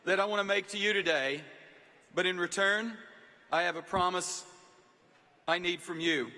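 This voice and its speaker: Man, university leader, rousing commencement address; high, very bright voice with long hall reverb. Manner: rousing, addresses the crowd directly with calls to stand and cheer. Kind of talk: commencement speech to a large audience. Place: large packed venue.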